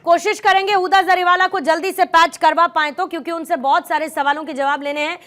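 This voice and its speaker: A woman's voice: very high-pitched, steady tone, fairly quick, a bit bright. A woman moderating a TV news debate as host, interjecting and pressing guests with pointed questions.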